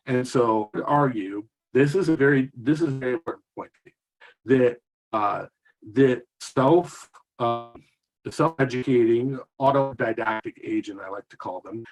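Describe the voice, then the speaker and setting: A man speaking as a guest over a video call whose audio cuts in and out, so his volume keeps rising and dipping, and he talks haltingly with many restarts. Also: mid-range voice, poor audio. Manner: halting, full of restarts and fillers. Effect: choppy call audio with uneven, dipping volume. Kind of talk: remote panel discussion.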